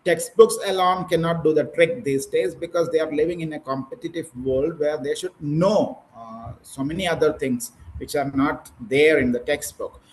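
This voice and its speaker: High-voiced Indian man coaching English. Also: moderate pace, few pauses, a little hiss or hum, low-quality recording. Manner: encouraging, coaching, prompts with questions. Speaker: English speaking trainer. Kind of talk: online speaking practice session.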